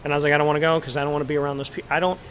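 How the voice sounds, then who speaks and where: Guy hosting a chill interview, kinda high voice, chatty storyteller. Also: rapid-fire, a little hiss or hum. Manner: chatty, tells stories with animated quoted asides. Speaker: talk show host. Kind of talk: casual interview chat.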